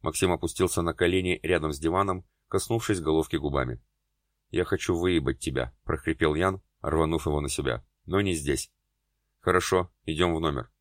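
Male audiobook narrator, very low voice, even scripted delivery. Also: no echo, studio quality.

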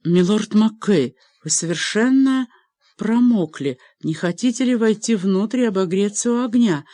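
A woman's voice: mid-range voice, lively intonation, a little slow, mellow, no echo, voice pushed up, natural voice. A woman reading aloud and voicing a young lady of the castle who speaks courteously and coaxingly.

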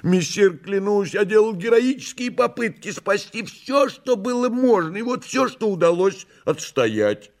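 A man voicing a boisterous talking tomcat, a fussy jester who speaks in an excitable, shrill, theatrical way. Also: unhurried, hardly any pauses, heavily acted. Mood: excited.

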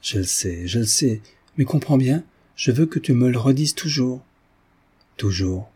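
A man reading an audiobook voices a coquettish, anxious young wife tenderly pleading with her husband. His mid-range voice is animated and unhurried, with a dark tone and a breathy edge.

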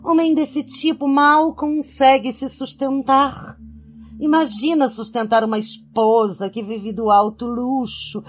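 Haughty, high-voiced soap opera mother, acted by a woman. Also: steady tone, slow pace, highs cut off, faint music behind. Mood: haughty scolding. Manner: haughty, scolding, melodramatic. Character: snobbish, controlling middle-aged rich mother. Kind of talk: radio soap opera acting.

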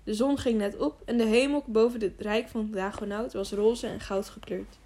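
A woman narrating a children's novel as an audiobook, reading in a calm, steady way. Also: on the high side, normal speed. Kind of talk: scripted narration.

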